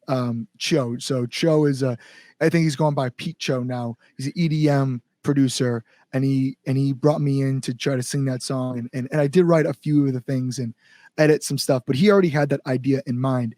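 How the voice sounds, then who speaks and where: A band's singer, a man with a slightly mellow mid-range voice, is the guest in an interview. He talks with enthusiasm in easygoing, rambling phrases, leaning often on "like" and "you know." The studio audio is clean with no room sound.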